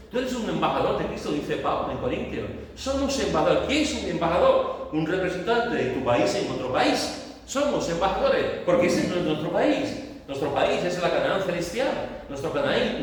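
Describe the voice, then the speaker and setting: A man's voice: a little high, far from the mic. Man preaching in an echoey church hall. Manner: emphatic preaching with repeated phrases, building to exhortation. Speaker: pastor. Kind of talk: sermon.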